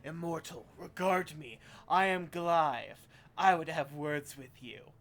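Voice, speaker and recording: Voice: medium pitch, a little slow, fairly bright tone, natural voice. A streamer voicing an ancient talking stone face from a fantasy game, solemn and cryptic, person of unclear sex. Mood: solemn, commanding.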